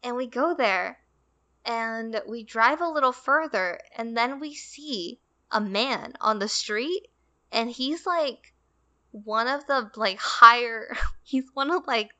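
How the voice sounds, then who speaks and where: A young woman chats casually on a podcast, spinning a story and acting out the voices of the people in it. Her voice sits a little high and sounds bright, smooth and clear. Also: slow. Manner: chatty storytelling, acts out quoted lines. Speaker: podcast co-host.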